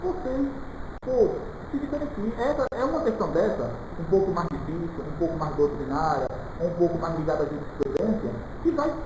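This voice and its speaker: Speaking a little fast with lively intonation and a slightly high voice, a man from Salvador, Brazil, teaches criminal law to public exam candidates in an informal live lecture. His style is didactic, full of check-in questions and colloquial asides, recorded in a very echoey room with noticeable background noise.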